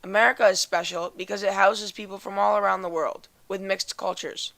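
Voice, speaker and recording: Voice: medium pitch, steady tone, a little fast, gravelly, pushed and bright, no room sound. Brief: teen student, firm narration, dry booth sound. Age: teens. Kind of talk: scripted narration.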